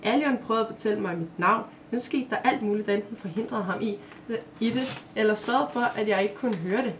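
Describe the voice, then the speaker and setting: A woman's voice: medium pitch, far from the mic, a little hiss or hum, natural voice. A woman reading aloud and voicing a curious young girl lost in a snowy cave, with eager, rising questions. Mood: wondering.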